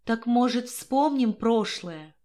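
A woman voicing the ghost of a dead young woman, slow, calm and coaxing. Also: fairly high pitch.

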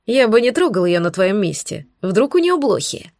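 A woman's voice: medium pitch, sing-song, moderate pace, a little mellow, no echo, studio quality. A woman voicing a rude, sneering young male student in an audiobook.

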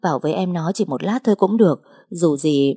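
In an audiobook, a woman voices a desperate middle-aged mother who pleads tearfully, imploring and insistent. Her husky, dark voice sits on the low side and rises slightly as she begs, delivered in an animated, fairly quick way.

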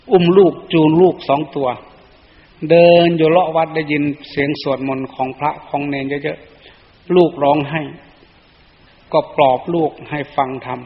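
Male monk, storytelling sermon, slightly high voice, muffled lo-fi recording. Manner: plain storytelling delivery. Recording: echoey dull lo-fi recording.

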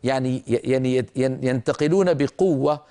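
An older man gives a Quran recitation lesson in a dark, mellow voice. He speaks patiently and speaks to his listeners directly. He slows down to stretch out single words so they can hear the sounds. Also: mid-range voice. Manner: stretches and repeats words slowly to demonstrate pronunciation.

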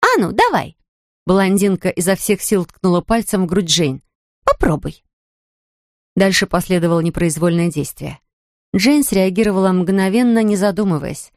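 A woman's voice: lowish voice, moderate pace, a little mellow, no echo, studio quality. A woman narrating an audiobook steadily, voicing the characters herself.

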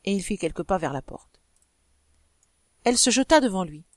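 A woman's voice: medium pitch, expressive, normal speed, no room sound. Woman reading a novel aloud, dry close sound. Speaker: audiobook reader.

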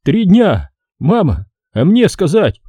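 A man's voice: high-pitched, huge pitch swings, slow pace, mellow, husky, no echo, pitched above the performer's own voice, heavily acted. A man reading an audiobook, voicing a young soldier who speaks brashly and impatiently, in slang. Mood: agitated. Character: blunt young soldier son.

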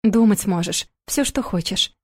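A woman's voice: medium pitch, unhurried, lightly acted. Stern father, read by a woman. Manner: curt, growling. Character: stern protective father, a grown man.

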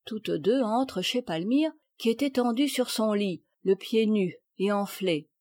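A woman calmly reading a children's novel aloud as an audiobook narrator, in a measured way. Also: mid-range voice, dry recording. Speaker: audiobook reader.

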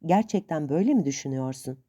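A timid young man speaks softly and hesitantly in a lowered, mellow voice, as a woman reader puts him on. The storybook recording is dull and lo-fi. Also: animated, quick pace. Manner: hesitant, soft-spoken.

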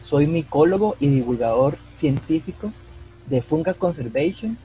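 With faint music behind him and a rough recording, a young man co-hosts a podcast in casual conversation. He's a mycologist from Costa Rica with a Costa Rican Spanish accent and a warm, expressive voice on the high side, moderately paced, speaking earnestly, repeating words and frequently adding "¿verdad?".

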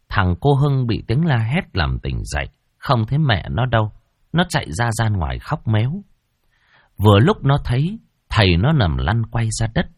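Husky-voiced male ghost story narrator. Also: fairly low pitch, no echo, studio quality. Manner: dramatic, expressive storytelling.

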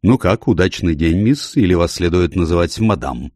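A man voicing a big, gruff landlady with a kind heart, who grumbles bluntly. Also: sits low, lively intonation, moderate pace, a little mellow, dry recording, clean studio sound. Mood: grumbling.

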